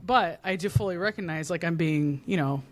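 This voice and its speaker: A woman's voice: fairly low pitch, brisk, a little hiss or hum. A woman who works in marketing, a podcast guest who talks in a bubbly, rambling way with many fillers and frequent laughs. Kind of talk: casual podcast conversation.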